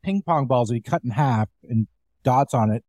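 A man's voice: mid-range voice, normal speed, a little mellow, dry recording, studio quality. Man telling a comedy-club story. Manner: storytelling, acts out other people's voices. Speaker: comedian guest. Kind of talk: casual chat, anecdote.

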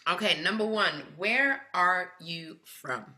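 A woman's voice: lowish voice, expressive, takes it slowly, pushed and bright. A woman hosting a podcast interview in a friendly chat style. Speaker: podcast host.

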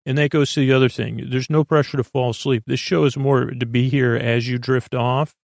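Close-miked and dry, with no room sound, a male sleep podcast host speaks in a gravelly, fry-edged voice at a middling pitch and steady tone. His unscripted bedtime monologue wanders, halts and trails off amid false starts, keeping a reassuring, low-pressure feel.

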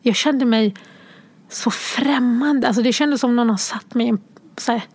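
A woman telling a personal story in a halting, soft-spoken way, tearful and often sinking to a near whisper. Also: a little high, dry recording. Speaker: guest sharing a personal story.

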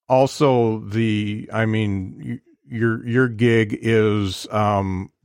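A man's voice: lowish voice, clean tone, no echo, studio quality. A man in his fifties hosting a podcast, talking casually in a rambling, self-deprecating way with many fillers. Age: 50s. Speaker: podcast host. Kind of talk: casual interview chat.

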